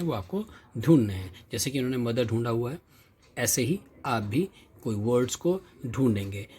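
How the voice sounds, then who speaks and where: A man with an Indian accent explaining an English lesson in Hindi, reading English lines slowly and then explaining each one. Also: mid-range voice, a little mellow, husky. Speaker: teacher.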